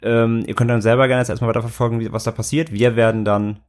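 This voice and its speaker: A man's voice: medium pitch, flat delivery, fast. A man co-hosting a casual podcast, retelling events at length with frequent restarts. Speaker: podcast co-host. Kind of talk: casual chat.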